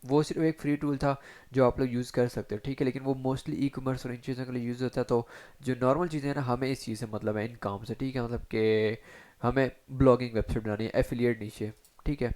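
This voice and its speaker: A man teaching SEO in a chatty screen-share tutorial, talking straight to viewers and filling pauses with short check-ins. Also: mid-range voice, fairly even intonation, a little mellow. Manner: chatty, addresses viewers directly with frequent fillers. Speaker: SEO instructor.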